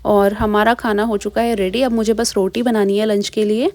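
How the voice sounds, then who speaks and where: A young woman narrates her home vlog in a quick, chatty voice and keeps turning to her viewers with questions. Her voice sits a little high. The close mic sounds dry, with no room echo. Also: darkish tone. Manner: chatty, fast, asks viewers directly. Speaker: vlogger. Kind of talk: casual vlog voice-over.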